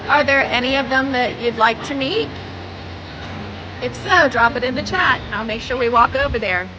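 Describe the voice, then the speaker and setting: A woman's voice: high-pitched, normal speed, highs cut off. A woman hosting a casual live vlog, chatting as she goes. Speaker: live stream host visiting a horse show. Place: outdoors at a horse show. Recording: noisy outdoor crowd behind.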